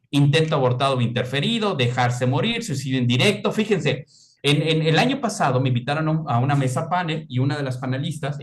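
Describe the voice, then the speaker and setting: Guy giving a talk, middle aged, voice goes up and down a lot. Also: medium pitch. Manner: animated, acts out quoted voices. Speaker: mental health speaker. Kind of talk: lecture-style talk.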